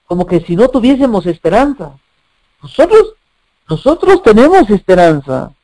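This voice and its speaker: A man's voice: high-pitched, very animated, normal speed, warm tone, no echo, low-quality recording. A man preaching a sermon, emphatic, asking rhetorical questions and repeating phrases.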